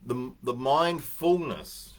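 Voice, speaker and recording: A man's voice: medium pitch, takes it slowly. An older man, giving a casual, anecdotal talk as host, rambling a little and chuckling at his own story.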